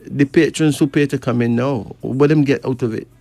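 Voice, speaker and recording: A man's voice: medium pitch, normal speed, dark tone, no echo, faint music behind. A man from Barbados, chatting and reading cards, emphatic with rising questions. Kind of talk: casual chat and card reading.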